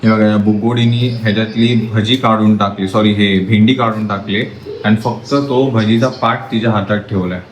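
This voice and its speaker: A man's voice: fairly low pitch, steady tone, moderate pace, a little hiss or hum. A man in his thirties filming a casual family vlog at home, animatedly coaxing and teasing his little daughter. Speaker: family vlogger, father.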